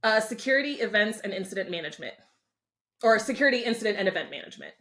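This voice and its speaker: A woman guest answers quiz questions with a lively, swooping voice. She speaks candidly and laughs freely. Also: mid-range voice, racing. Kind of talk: casual interview.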